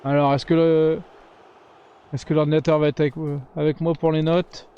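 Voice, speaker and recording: A man with a fairly high voice, talking viewers through his own game in relaxed let's-play chatter. He talks straight to his audience and bursts into cheering when the action heats up. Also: moderate pace, clear, resonant tone, highs cut off. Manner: excitable, cheers and shouts during big plays. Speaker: gaming YouTuber. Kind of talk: casual let's-play commentary.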